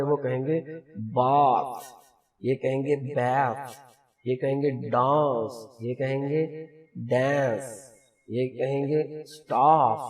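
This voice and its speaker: A man's voice: medium pitch, a little mellow, recorded from a distance. A man from Pakistan teaching English pronunciation in an online lesson, explaining patiently and repeating key words.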